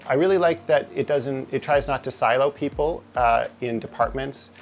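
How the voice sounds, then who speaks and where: Gravelly, hesitant male developer. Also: mid-range voice, normal speed, slight background noise. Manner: hesitant, many fillers. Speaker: front-end developer. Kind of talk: interview talk.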